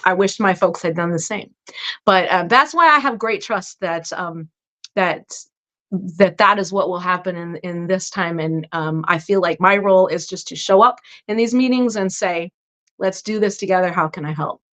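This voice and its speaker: A woman's voice: fairly low pitch, normal speed, fairly bright tone. A woman, a guest minister speaking earnestly and reflectively in a podcast interview, with frequent fillers. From Irish American.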